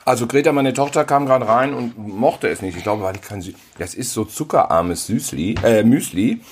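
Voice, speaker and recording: A man's voice: mid-range voice, animated, normal speed, a little hiss or hum. A middle-aged man co-hosting a podcast in casual chat, with ironic, mock-grand banter. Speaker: podcast co-host.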